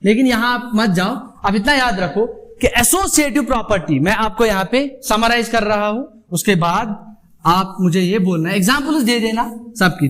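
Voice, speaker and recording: High-voiced man teaching math. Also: fairly bright tone. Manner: mixes Hindi and English, addresses students as "beta"; patient, repeats points with rhetorical questions. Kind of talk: classroom math lecture.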